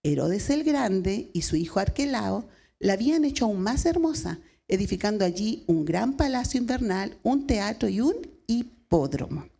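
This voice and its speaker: A woman's voice: medium pitch, very animated, normal speed, creaky, warm tone, husky. A woman pastor with a Chilean Spanish accent preaching a sermon, retelling a story and asking the congregation questions.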